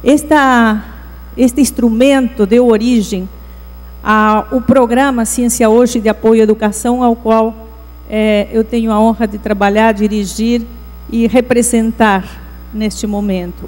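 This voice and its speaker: Middle-aged argentinian woman giving a talk, kinda high voice, slow earnest delivery, hall echo, bit of hum. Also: warm tone. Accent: Argentine Spanish. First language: Spanish. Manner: measured, earnest, pausing mid-phrase. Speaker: education program director. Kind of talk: conference talk. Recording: reverberant hall, mains hum.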